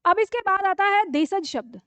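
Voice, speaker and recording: A woman's voice: very high voice, animated, normal speed, fairly bright tone, no echo. A woman teaching a Hindi grammar class online. She explains patiently and keeps checking in with rhetorical questions.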